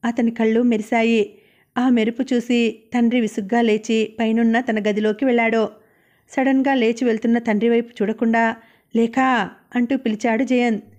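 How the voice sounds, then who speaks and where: A woman narrating a novel as an audiobook in a steady, even reading manner. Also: on the high side, normal speed.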